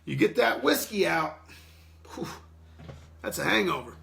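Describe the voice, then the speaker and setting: Guy hosting his podcast, bright kinda high voice, rambly and swears a lot. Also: expressive, a little slow, vocal fry. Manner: loose, rambling and profane, laughing often. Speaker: podcast host. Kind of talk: unscripted casual chat with live chat readers.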